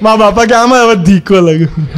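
A man's voice: high-pitched, fast, crowd noise. A male stand-up comedian telling a comic monologue in character as a cheeky schoolboy, acting out the other people's lines as he goes.

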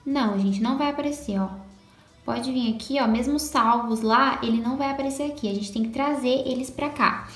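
A woman's voice: on the high side, a little fast, fairly bright tone. A young Brazilian woman chatting to viewers while showing a phone tutorial, checking in with them often. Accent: Brazilian Portuguese. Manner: chatty, talks straight to viewers with lots of "tá?" and "né?". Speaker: lifestyle vlogger. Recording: echoey room with background music.

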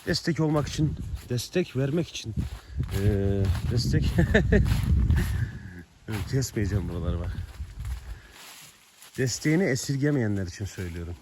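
A man's voice: mid-range voice, lively intonation, normal speed, pauses often. Guy on his farm talking sweet to his animals, bit of outdoor noise behind. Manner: coaxing and affectionate with animals, firm commands. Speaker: farm vlogger with horses and dogs. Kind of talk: casual talk to animals and viewers.

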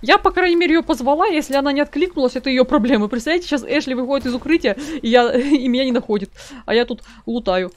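Woman gamer, slightly high voice, loose chatty commentary to her viewers while she plays. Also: fast talker. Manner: chatty, talks to viewers as "guys", reads notes aloud. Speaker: let's play gamer. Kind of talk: casual gameplay commentary.

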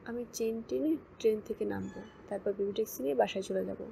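A woman voicing a stubborn teenage girl student who answers in a sharp, snappish way. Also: medium pitch, fast, creaky, a little hiss or hum, low-quality recording.

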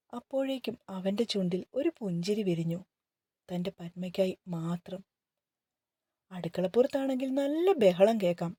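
A woman narrating a romantic novel in a calm, steady storytelling manner. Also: medium pitch, dry recording.

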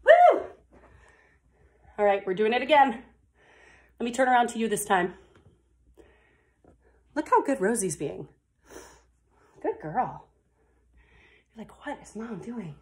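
Slow-counting woman dance teacher, echoey room. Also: on the high side, lively intonation. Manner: calls out steps in rhythm, chatty asides. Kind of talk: counting through a dance combination.

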